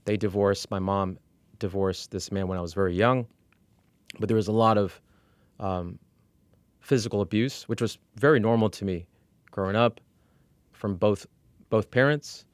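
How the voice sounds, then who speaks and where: Fields: man, middle-aged, low clear voice, slow measured. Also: no echo. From Iran. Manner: measured, steady, with frequent fillers and restarts. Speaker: interview guest; executive coach. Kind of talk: candid personal storytelling.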